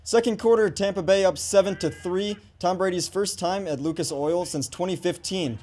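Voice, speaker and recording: An American man in his twenties covers sports as a student reporter, handling highlight reads and play-by-play commentary in an American accent. He speaks at a moderate pace in a high-sitting voice with a darkish tone.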